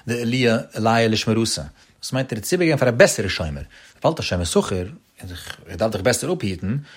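Fast, husky-voiced man teaching religious law. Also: mid-range voice.

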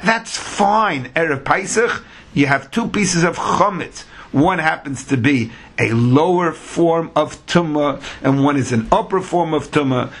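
A man's voice: a little high, a bit bright, husky. A man teaching a religious lesson in a sing-song, argumentative way, with rhetorical questions and emphatic repetition. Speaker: Talmud teacher.

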